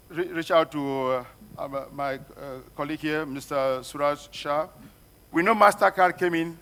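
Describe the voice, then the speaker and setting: Emphatic Cameroonian panel moderator. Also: male voice, on the high side, a bit bright. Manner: emphatic, repeats phrases for effect. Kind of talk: panel discussion.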